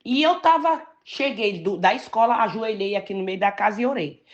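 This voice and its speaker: An older woman from Brazil preaching a sermon, telling a personal story and stressing key words slowly and emphatically. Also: mid-range voice, lo-fi sound.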